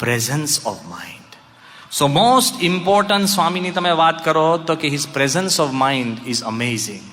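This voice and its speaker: A man with a Gujarati accent, a monk giving an animated storytelling sermon who acts out voices and chants. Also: on the high side, takes it slowly, big-room sound, slight background noise. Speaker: monk giving a religious discourse.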